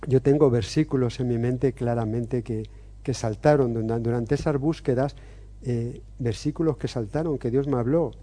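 Deep-toned man giving earnest testimony. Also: moderate pace, dark tone. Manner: earnest, reflective, many hesitations. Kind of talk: personal testimony and teaching.

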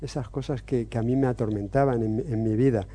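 Man in his 50s answering faith questions, earnest, reflective, very mellow dark voice, lots of little hesitations. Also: medium pitch, fairly even intonation, fairly quick. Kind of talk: personal testimony and teaching.

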